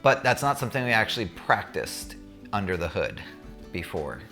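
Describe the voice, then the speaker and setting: A man with a low, deep voice recounts his experience in a casual storytelling style. He speaks candidly and conversationally, as if to viewers, with faint music in the background. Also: sing-song, normal speed, bright, forceful tone. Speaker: student pilot recounting a checkride.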